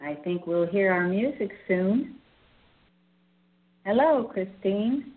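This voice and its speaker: Woman host on speakerphone, slow and muffled. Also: medium pitch, animated. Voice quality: a little muffled. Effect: on speakerphone, talking into a phone. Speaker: show host. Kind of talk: casual opening of a call-in radio show. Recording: tinny phone line on speaker.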